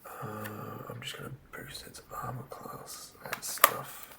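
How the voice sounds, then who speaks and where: Fairly low and gravelly, this man's voice moves little in pitch and comes out slowly. As an ASMR channel host, he whispers casually while writing monsters for a tabletop game, musing aloud and repeating words under his breath.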